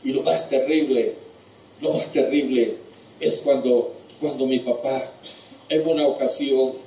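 A man's voice: medium pitch, steady tone, unhurried, warm tone, a little hiss or hum. A man preaching a sermon as a storyteller, addressing his listeners as brothers. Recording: echoey room from far off.

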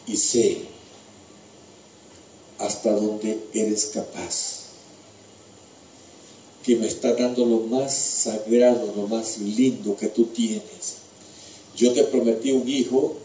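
A man voicing God, speaking in slow, solemn pronouncements. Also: mid-range voice, mellow, a little hiss or hum, natural voice. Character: God, solemn and commanding divine voice. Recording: echoey room from far off.

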